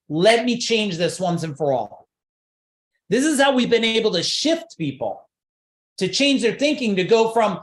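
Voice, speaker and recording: A business coach runs a live online seminar in a high-pitched voice, his sound echoing around the room. He hammers home emphatic rhetorical questions and keeps repeating his points.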